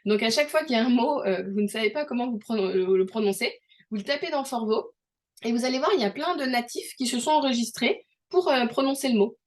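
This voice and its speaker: A young woman whose first language is French chats casually on a podcast, her voice sitting a little high. She talks freely, full of fillers and quick restarts, like an easygoing co-host sharing tips. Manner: chatty, many fillers and restarts. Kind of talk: casual advice chat.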